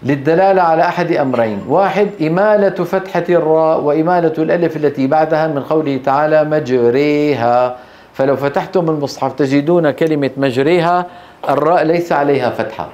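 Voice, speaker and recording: A middle-aged man, teaching a classroom lesson on Quran recitation rules, explaining step by step and quizzing his students with quick questions. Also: fairly high pitch, darkish tone. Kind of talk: classroom lecture on tajweed.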